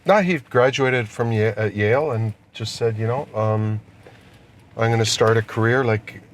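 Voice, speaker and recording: The speaker is an Austrian-born executive who immigrated to Canada, a middle-aged man fielding interview questions in relaxed conversation. His voice sits on the low side at a moderate pace. The interview takes place in a car on the move, and the interior is noisy.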